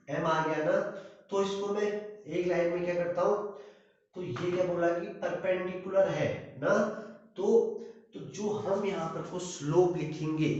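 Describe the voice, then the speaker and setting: Slow, echoey man teaching maths. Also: a little high, darkish tone. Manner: asks rhetorical questions, repeats "dhyan dena"; slow, drawn-out explaining. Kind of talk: classroom maths lesson. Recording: echoey room, distant dull mic.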